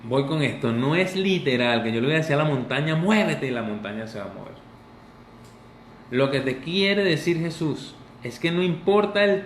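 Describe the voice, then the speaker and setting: A male pastor, preaching in a lively, conversational manner. His voice sits a bit high. It echoes through the room over a faint background hum. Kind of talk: sermon.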